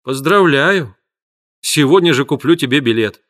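A man's voice: on the high side, animated, normal speed, a bit bright. A man voicing a stern but tender father in an audiobook reading. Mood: strained. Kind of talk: audiobook character voice.

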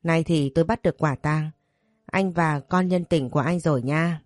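A furious, jealous young wife, as a woman reads her in a storybook tale, accusing and hysterical. The voice sits low and mellow, recorded dry and close. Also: normal speed, no echo, natural voice.

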